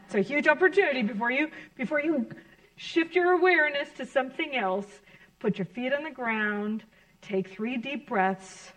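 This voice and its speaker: A woman minister preaches in a fairly high voice. Her delivery is earnest and reflective, and she gently encourages her listeners as the sermon unfolds in a church gathering. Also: normal speed, low-quality recording.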